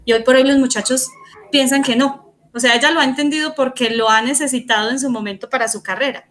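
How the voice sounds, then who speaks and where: A woman's voice: high-pitched, fairly even intonation, fast, a bit bright. A woman interviewing a teacher, talking in a reflective, conversational way and asking follow-up questions.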